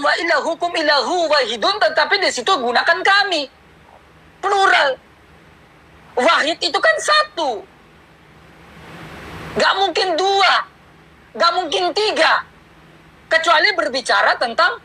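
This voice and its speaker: A man's voice: extremely high pitch, sharp tone, low-quality recording. A man challenging a religious teacher in a taunting, repetitive, mocking way. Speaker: debate challenger. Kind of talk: provocative debate challenge.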